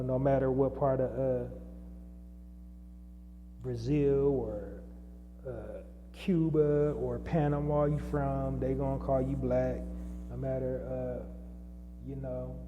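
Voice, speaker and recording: Speaking unscripted and alone on his podcast, this host keeps stumbling into fillers and restarts. He has a mellow, mid-range voice, while the muffled recording adds lengthy reverb and a faint hum underneath.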